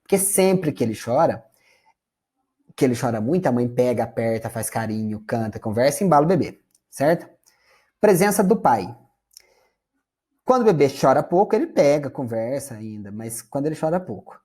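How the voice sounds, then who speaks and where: A man's voice: medium pitch, animated, moderate pace, warm tone, husky. A Brazilian man giving a conversational classroom lecture, often turning to his audience. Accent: Brazilian Portuguese. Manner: conversational, addresses audience as "gente".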